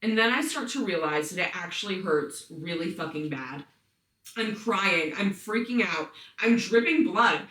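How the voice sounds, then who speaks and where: A woman's voice: on the low side, expressive, unhurried, fairly bright tone, far from the mic. A woman hosting a podcast, reading listener stories aloud in casual story-time style, blunt and profane with chatty asides. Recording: roomy sound, voice set back from mic.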